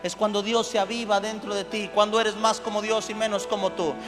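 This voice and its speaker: A pastor preaching a sermon in a church hall with a Mexican Spanish accent, moving from quiet, intimate talk to loud shouting. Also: male voice, sits high, little pitch movement, a little fast. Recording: long church reverb with music underneath.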